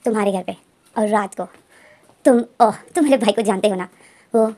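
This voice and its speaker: A woman's voice: mid-range voice, moderate pace, dark tone, natural voice. A woman playing a sulky teenage schoolboy. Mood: complaining. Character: teenage schoolboy ruled by his strict older brother.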